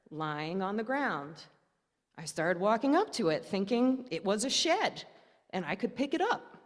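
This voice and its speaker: At an indoor church service, a woman with a fairly high voice preaches to the congregation, telling stories and reading aloud from her notes and a newspaper story. She speaks in deliberate phrases with pauses and wry humor, and the church hall is reverberant.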